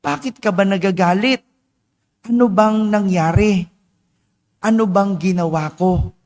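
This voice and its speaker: A man's voice: sits high, a little slow, darkish tone, in a large hall. A male priest acting out a puzzled schoolchild who pleads with an angry father. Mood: pleading. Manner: pleading, protesting.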